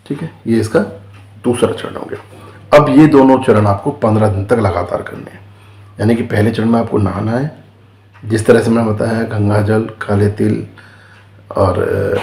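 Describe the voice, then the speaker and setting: A man's voice: lowish voice, a little mellow. A man teaching a home ritual step by step in a patient, repetitive way, often checking in with the listener. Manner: patient, repeats steps, frequent "ठीक है" check-ins. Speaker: spiritual teacher. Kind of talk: casual spoken instruction on a ritual remedy. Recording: roomy echo.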